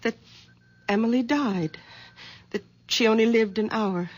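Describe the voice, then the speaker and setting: Gentle and pleading, a woman voices a caring, anxious middle-aged daughter in a 1970s radio play. Her pitch is fairly high and her pace measured.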